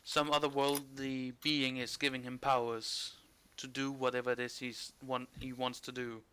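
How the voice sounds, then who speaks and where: Guy dming a tabletop game, crisp forward voice, just talking casually thru the scene. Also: medium pitch, level tone, moderate pace, bright, forceful tone. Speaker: game master.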